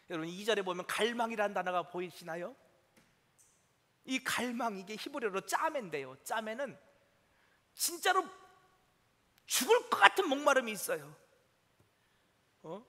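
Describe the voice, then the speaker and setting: A middle-aged male pastor preaching a sermon with strong emotion, dropping to hushed tones and then rising to near shouts. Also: very high voice. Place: church sanctuary. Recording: long church hall reverb.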